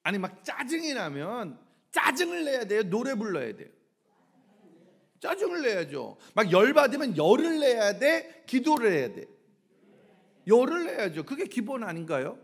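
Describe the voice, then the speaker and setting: A male preacher delivers a lively revival sermon in a high voice that swoops up and down. He keeps firing call-and-response questions at the congregation and bursts into shouts now and then. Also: normal speed, gravelly, husky.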